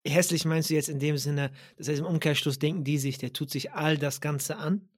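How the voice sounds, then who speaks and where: A husky-voiced male interviewer asks reflective follow-up questions in a relaxed conversational tone. The sound is dry and close, with no room around it. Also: fairly high pitch, a little fast, dry recording.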